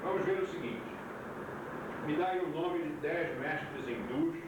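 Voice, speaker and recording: A man's voice: fairly high pitch, a little slow. A man giving a classroom lecture, quizzing his students, heard from an old VHS tape recording. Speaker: yoga teacher. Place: lecture room. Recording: hissy old VHS tape, far mic, echoey room.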